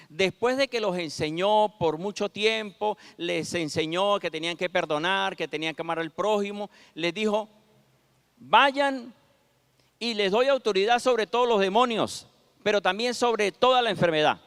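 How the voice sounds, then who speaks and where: A man's voice: high-pitched, a bit bright, clear, resonant tone. A man preaching a sermon, reading scripture aloud and posing rhetorical questions to his listeners. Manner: asks rhetorical questions, punctuates with "ajá". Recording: long reverb of a large hall.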